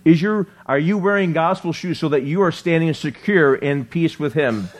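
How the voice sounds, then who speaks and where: A man preaching a sermon as pastor, talking fast and excitedly, with many rhetorical questions to the congregation. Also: fairly high pitch.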